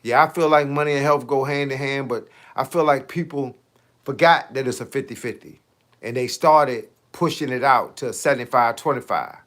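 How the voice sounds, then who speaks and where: Speaking at a normal pace in a mid-range, fairly bright voice, a man in his late fifties casually hosts his fitness livestream. He's talkative and full of slang, replying to viewers' comments with rhetorical questions.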